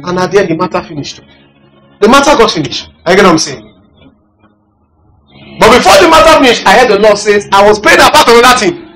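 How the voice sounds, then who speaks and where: High-voiced preacher with a Nigerian accent. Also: male voice, lively intonation, fast talker, pauses often, bright, forceful tone, soft background music, rough recording. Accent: Nigerian English. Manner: emphatic preaching, repeating phrases and asking the congregation if they follow. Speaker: pastor. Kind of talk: sermon.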